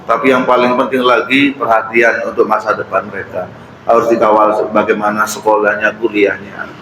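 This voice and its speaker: Ustaz dengan logat Jawa Timur di ruang masjid yang bergema. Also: male voice, lowish voice, flat delivery, moderate pace, a bit bright, slight background noise. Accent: East Javanese. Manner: casual storytelling with Javanese asides. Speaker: preacher. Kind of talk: mosque study-circle sermon. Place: mosque hall. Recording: roomy hall, faint ambience.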